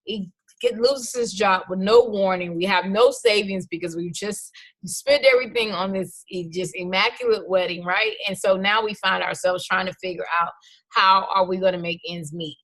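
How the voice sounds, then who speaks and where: A woman in her thirties, a life coach, giving a motivational workshop talk and telling her personal story in an upbeat, energetic way. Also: mid-range voice, normal speed.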